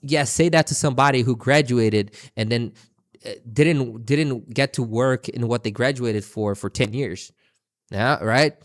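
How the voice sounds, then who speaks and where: A man's voice: mid-range voice, a little slow. Sweary Brazilian man reacting to a clip. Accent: Brazilian Portuguese. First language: Portuguese. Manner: blunt, sweary, exasperated asides. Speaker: reaction streamer. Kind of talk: casual reaction commentary.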